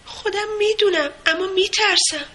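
A woman's voice: very high voice, bright, forceful tone, pitched above the performer's own voice. A woman voicing a tiny, timid rosebud who is afraid of the sun, speaking in a small, frightened, pleading way. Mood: fearful.

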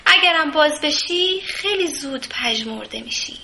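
A woman voicing a kind, motherly rose bush that gently coaxes and advises a timid bud. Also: high-pitched, expressive, vocal fry, voice pushed up, full character voice. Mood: coaxing.

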